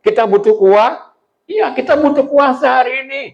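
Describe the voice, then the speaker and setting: A man's voice: extremely high pitch, normal speed, creaky, muffled recording. A male pastor preaching a sermon in a loose, colloquial way, acting out the characters in his stories. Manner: colloquial, animated, acts out quoted characters.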